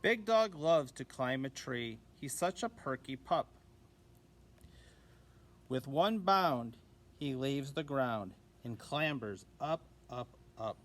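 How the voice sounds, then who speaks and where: A man reading a children's picture book aloud as a teacher, gently and expressively, giving the dogs little voices. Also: medium pitch, animated, takes it slowly. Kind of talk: children's storybook read-aloud.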